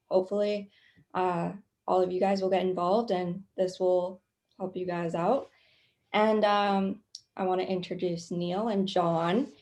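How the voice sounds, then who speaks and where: Young woman from Canada, student co-host, lower voice, casual and filler-heavy. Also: a little mellow. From Calgary, Canada. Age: young adult. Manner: friendly, filler-heavy, quick asides. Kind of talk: casual interview hosting.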